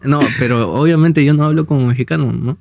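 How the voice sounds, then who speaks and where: A man's voice: fairly high pitch, a little fast, vocal fry, a little mellow, dry recording, clean studio sound. A young Peruvian man with a Peruvian Spanish accent, co-hosting a casual chat and stating firm opinions, often restarting his phrases. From Peru. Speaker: podcast co-host.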